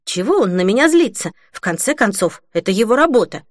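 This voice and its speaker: A woman's voice: mid-range voice, sing-song, fairly quick, dry recording, clean studio sound. A woman voicing an embarrassed young woman shopper who mutters through clenched teeth. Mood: flustered.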